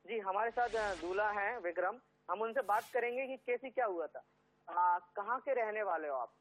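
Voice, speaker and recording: A man reporting live from a police station, talking haltingly with many filler sounds as he recounts events. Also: high-pitched, a bit bright. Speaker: field reporter. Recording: tinny phone line.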